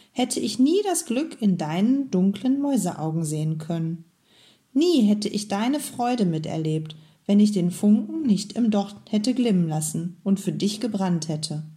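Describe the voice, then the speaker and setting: A woman voicing a kind, wise beeswax candle that speaks softly in a storybook reading. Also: medium pitch, natural voice. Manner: soft and gentle.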